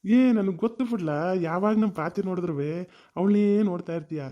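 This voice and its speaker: An actor playing a jovial middle-aged village elder who teases in rustic banter, with a Mysore Kannada accent. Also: male voice, fast talker, dull audio, lightly acted. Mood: teasing. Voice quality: high-pitched, bantering, rustic.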